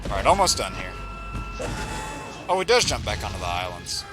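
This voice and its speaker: A man's voice: fairly low pitch, sing-song, moderate pace. A man giving casual, reactive live commentary as he plays a video game, often exclaiming. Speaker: gamer doing a live playthrough. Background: video game music and sound.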